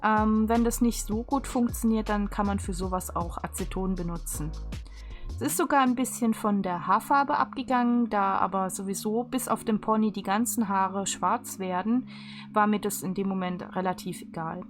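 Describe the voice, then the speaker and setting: A woman, a video creator, does a chatty, unscripted voice-over for a craft tutorial in a casual style. Her mid-range voice moves at a moderate pace, with instrumental music playing behind it.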